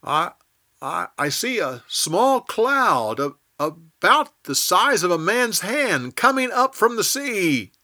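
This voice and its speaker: A man's voice: high-pitched, very animated, slow pace, bright, forceful tone, no echo, studio quality, voice pushed up, full character voice. A man voicing a timid male servant who answers hesitantly and stammers, in a Bible storytelling reading.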